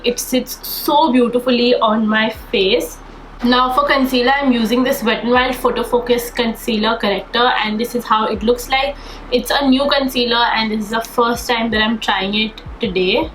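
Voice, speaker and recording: Sounding slightly nasal from a cold, this young woman speaks at a normal pace in a steady, fairly bright voice that sits a little high. She's a beauty vlogger chatting enthusiastically through a casual get-ready-with-me tutorial, recorded in an echoey room with a faint noise floor.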